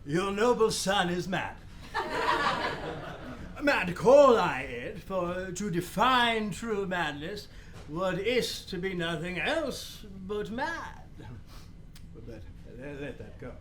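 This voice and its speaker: A male actor plays a fussy, long-winded old royal counselor in a Shakespearean radio play, pompously rambling and theatrically interrupting himself. His voice is high, slow, a bit bright and heavily acted, with big pitch swings.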